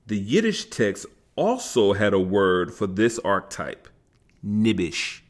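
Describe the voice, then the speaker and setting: A man reading a self-help book aloud in a measured, emphatic way. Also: fairly low pitch. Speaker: audiobook reader.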